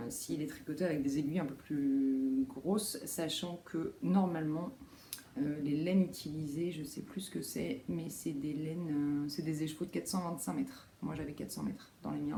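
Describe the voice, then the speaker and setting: A woman's voice: low voice, dark tone. A woman vlogging casually about her knitting, rambling with lots of fillers and correcting herself as she goes. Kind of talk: casual show-and-tell chat. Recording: roomy echo, faint background noise.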